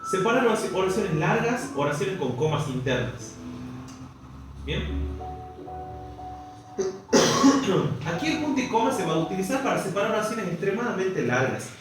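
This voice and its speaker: A man's voice: high voice, big pitch swings, moderate pace, long pauses, heavy reverb, far from the mic, over music, poor audio. A man with an Argentine accent teaching a language class, explaining step by step and often asking the students if they follow. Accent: Argentine Spanish. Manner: explains step by step, checks understanding with frequent questions. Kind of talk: classroom lesson.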